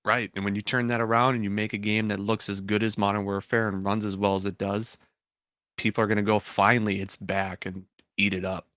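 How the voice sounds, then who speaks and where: Man, bright tense tone, dry recording, enthusiastic casual chat. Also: lowish voice, level tone, fairly quick, dry recording. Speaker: podcast co-host.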